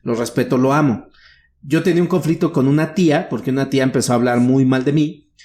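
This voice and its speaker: Frank and earnest, this middle-aged Mexican man talks through his own life in a relaxed conversational voice of ordinary pitch. He swears casually and keeps a steady, open tone as he explains himself. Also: fast talker, a little hiss or hum. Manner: frank and earnest, slips into acted quotes of relatives, casual swearing. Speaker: guest, workshop speaker. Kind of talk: candid conversational storytelling.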